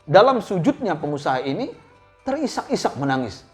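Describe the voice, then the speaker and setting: Animated male preacher. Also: fairly quick, faint music behind. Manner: animated, swinging pitch, addresses listeners directly. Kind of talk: storytelling sermon.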